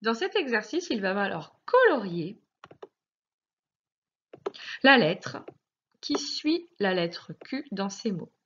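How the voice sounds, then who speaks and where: A woman teacher with a French accent, giving a recorded phonics lesson to young children, speaking slowly and articulating every word with sing-song emphasis. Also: medium pitch, big pitch swings, breathy edge, muffled recording. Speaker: primary school teacher.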